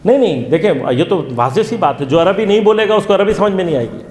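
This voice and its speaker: A man's voice: high-pitched, animated, darkish tone. A male religious lecturer giving an interactive lesson, asking his listeners questions and then answering them himself. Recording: echoey hall.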